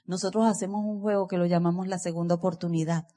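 A woman giving an energetic motivational speech to a live seminar audience, asking listeners direct questions. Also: on the low side, quick pace, long reverb tail. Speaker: motivational speaker at a business seminar.

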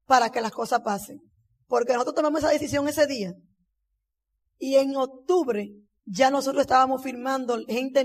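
A woman's voice: sits high, a little mellow, slightly rough. A woman, giving an emotional testimony speech and acting out the dialogue of her story. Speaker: motivational speaker.

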